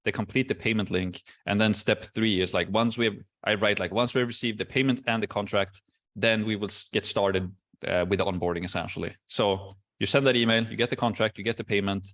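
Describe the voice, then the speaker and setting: A man hosting a casual Q&A video call, explaining processes step by step in a relaxed way with many fillers. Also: fairly low pitch, brisk. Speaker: course host answering questions.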